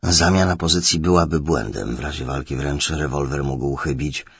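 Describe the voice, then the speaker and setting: A man with a very deep, gravelly voice reads a first-person thriller at a measured, low-key pace. His tone is husky, and the recording sounds dry and slightly dull. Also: a bit bright, no room sound. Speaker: audiobook narrator.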